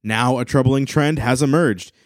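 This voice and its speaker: A man's voice: medium pitch, moderate pace, dry recording, studio quality, close to an everyday voice. A man playing a polished, grave local TV news anchor, grandly formal, in a parody newscast.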